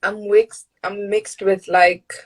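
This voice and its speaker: A woman's voice: medium pitch, level tone, slow pace, poor audio. A woman from Johannesburg with a South African accent, hosting a casual interview and laughing often. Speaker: host.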